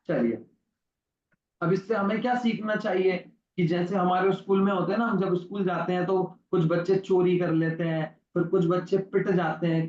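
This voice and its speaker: An online class recording captures a man with a high, slightly mellow voice teaching children a religious lesson. The sound is roomy with the highs cut off, and as he tells a story he poses questions to the class and answers them himself.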